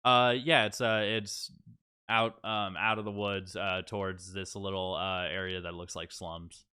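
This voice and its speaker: Bright, clear-voiced man running a tabletop game. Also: low voice, little pitch movement. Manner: halting, full of fillers and restarts. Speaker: dungeon master.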